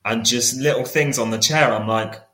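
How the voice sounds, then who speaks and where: A man's voice: medium pitch, moderate pace, fairly bright tone. A man in his late twenties from Cornwall, chatting casually as a podcast guest. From Cornwall, England. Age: late 20s. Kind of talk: casual conversation. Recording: roomy, echoey sound.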